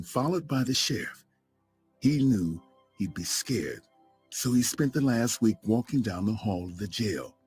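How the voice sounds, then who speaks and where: A man narrating a true story in a scripted, dramatic storytelling style, slowing down for emphatic pauses. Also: fairly low pitch, darkish tone.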